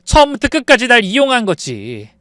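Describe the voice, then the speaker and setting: A man voicing a furious young wife who coldly confronts her deceitful in-laws, rising into shouts. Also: very high voice, wildly swooping pitch, brisk, dry recording, studio quality, pitched above the performer's own voice, exaggerated voice. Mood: shouting. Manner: cold and cutting, rising to shouts.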